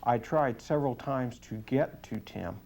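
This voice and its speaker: A man with a medium-pitched voice gives testimony as a police sergeant. He speaks in an earnest, deliberate way, answering interview questions plainly and matter-of-factly. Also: gravelly, darkish tone.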